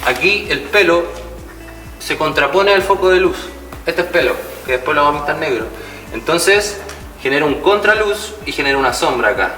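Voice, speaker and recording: A man's voice: a little high, expressive, normal speed, pushed and bright. A man, demonstrating mural painting step by step and checking in with his students as he goes. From Chile. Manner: explanatory, checks in with "¿cierto?". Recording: roomy, distant mic, music behind.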